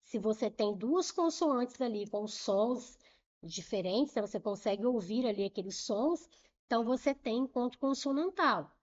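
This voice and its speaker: A woman teaching Portuguese grammar with a Brazilian accent, spelling out letter pairs and repeating words slowly to show how they sound, checking in with short questions. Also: on the high side, lively intonation, a little mellow, dull audio. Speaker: Portuguese teacher for civil service exams. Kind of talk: explaining grammar at a whiteboard.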